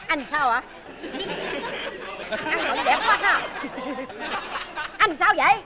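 A woman's voice: high voice, animated, slow, a loud crowd. An actress playing a flirty, easily exasperated widowed mother in a stage comedy sketch. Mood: sassy. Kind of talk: overseas Vietnamese comedy sketch.

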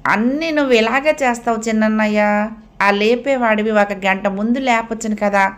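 A woman's voice: a little high, normal speed, natural voice. A woman reading the lines of a young schoolgirl fretting over her unfinished homework. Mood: worried. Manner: fretful, pleading. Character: young schoolgirl, fretful and fond.

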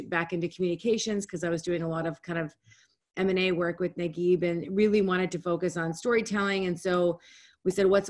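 An American woman gives a webinar presentation as a guest speaker over a video call from a room at home. Her voice sits on the low side, and she talks in an energetic, conversational way, with quick bursts and frequent restarts.

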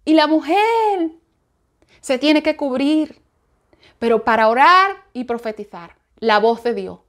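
A woman giving spoken Bible teaching, repeating her points emphatically with many restarts. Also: on the high side. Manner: repetitive, emphatic preaching with restarts.

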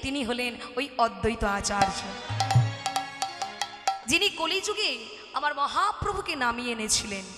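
A woman kirtan singer and preacher delivering a devotional sermon, exhorting the audience directly and leading them in chant. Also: high voice. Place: live devotional gathering. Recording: echoey hall with long reverb and music.

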